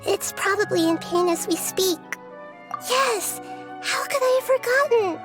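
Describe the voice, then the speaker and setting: An actress voicing a gentle young girl goddess in a game cutscene, speaking softly and earnestly. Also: extremely high pitch, animated, over music. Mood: alarmed. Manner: soft, earnest, measured. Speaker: game character.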